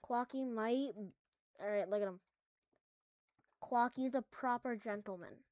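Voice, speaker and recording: A woman's voice: on the high side, a little slow, darkish tone, no room sound. A woman at home making a casual coding tutorial, rambling through jokey asides as she works. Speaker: tutorial maker.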